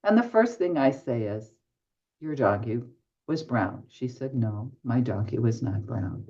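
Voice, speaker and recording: An older woman who is a medium tells anecdotes as a podcast guest, taking on both roles in each conversation she recalls. Her extremely low voice is expressive and mellow, a touch slow. Sound quality is dull and lo-fi.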